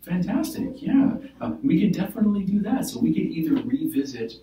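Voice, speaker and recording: Male therapist in a role-play demo, patient explainer, warm low tone, roomy room mic from afar. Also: very animated, brisk, slight background noise. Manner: explaining gently with many "right?" and "like" fillers. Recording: roomy, from a distance.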